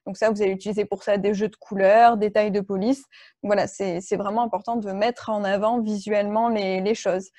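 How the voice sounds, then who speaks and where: A woman presenting an online training session, walking her audience through each point with a patient, explanatory manner. Her voice is warm and mellow, of middle pitch, and the recording is dry and close with no room echo. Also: level tone, fairly quick. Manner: explanatory, many fillers and restarts. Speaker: workshop trainer.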